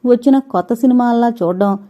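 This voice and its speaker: A woman reading a novel aloud in steady, measured scripted narration. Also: on the high side. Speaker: audiobook narrator.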